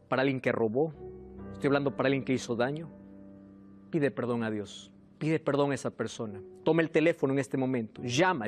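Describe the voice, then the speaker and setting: A pastor preaching a sermon with animated delivery, retelling parables in quoted dialogue and appealing directly to his listeners. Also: medium pitch.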